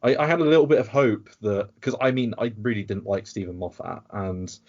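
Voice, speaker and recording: A man's voice: on the low side, a little fast, darkish tone, dull audio. A British man talking in a casual podcast chat, rambling and sarcastic, with frequent restarts. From United Kingdom. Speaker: podcast guest.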